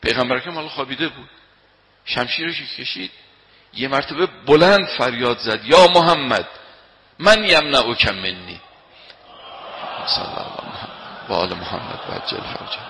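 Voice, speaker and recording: A man preaching a sermon, telling a story and reciting verses slowly, moving between loud declaiming and quiet narration. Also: medium pitch, lively intonation, crowd noise. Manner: chants quoted Arabic verses slowly. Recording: long hall reverb.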